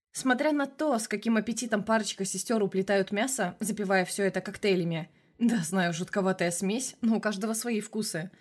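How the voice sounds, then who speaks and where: A woman reading a first-person audiobook in an even, measured storytelling manner. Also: mid-range voice. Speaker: audiobook reader.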